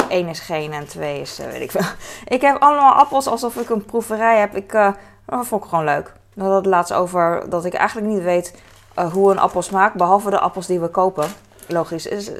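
A woman in her thirties, a mother, chatting casually and hesitantly while showing her grocery haul. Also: lowish voice. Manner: chatty, rambling, many hesitations. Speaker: vlogger.

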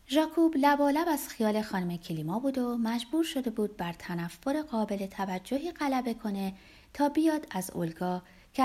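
A woman narrating a novel, her pitch moving in lively, animated swings. She reads expressively and sometimes drops to a hushed near-whisper. The pitch sits in a middle register. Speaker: audiobook narrator.

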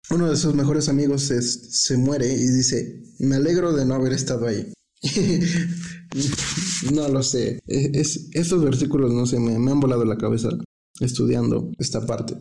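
A man's voice: medium pitch, fairly even intonation, measured pace, gravelly, dark tone, a little hiss or hum. A man with a Mexican accent preaching a casual, chatty Bible teaching, full of slang, thinking aloud as he goes.

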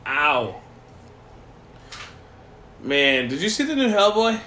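A man's voice: on the high side, lively intonation, normal speed, pushed and bright, echoey room, a little hiss or hum. A man co-hosting a casual podcast chat from home, profane and rambling, laughing often, while nursing a broken foot. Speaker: podcast co-host. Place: home room with a dog nearby.

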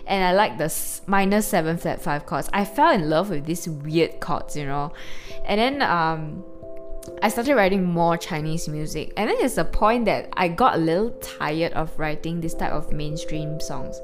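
Over a clearly audible music bed, a low-voiced podcast host in her early 20s talks expressively at normal speed. Her casual personal monologue wanders, chatty and packed with fillers and false starts.

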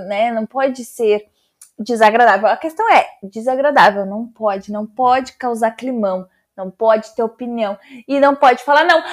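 High, lively Brazilian woman reading aloud. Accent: Brazilian Portuguese. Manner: expressive, dramatic reactions. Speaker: podcast host. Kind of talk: storytelling with commentary.

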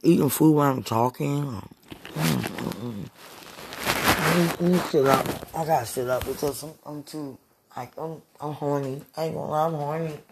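A woman leaving an intimate voice message from her bed, sighing and slipping between low murmurs and whispers, with her phone right at her mouth. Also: normal speed, noisy background. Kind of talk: intimate late-night voice message. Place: lying in bed at home. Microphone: phone held right at the mouth.

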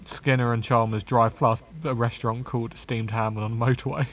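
A man's voice: medium pitch, little pitch movement, normal speed. A man co-hosting a podcast, chatting casually and eagerly butting in with trivia. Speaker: podcast co-host. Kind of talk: casual chat.

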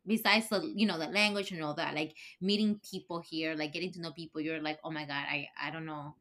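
A woman's voice: deep voice, fairly even intonation, a little fast, fairly bright tone. A young woman from Ecuador hosting a podcast interview, chatting casually and often checking in with "right?". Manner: affirming, many "right?" and "mm-hmm". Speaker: podcast host.

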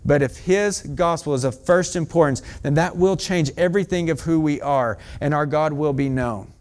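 Man, pastor, eager fast sermon, slightly high voice, church. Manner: excited, fast-talking preaching with asides to the congregation.

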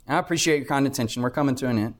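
A man's voice: medium pitch, rapid-fire. A man preaching a Bible class sermon, explaining step by step and repeating key phrases for emphasis.

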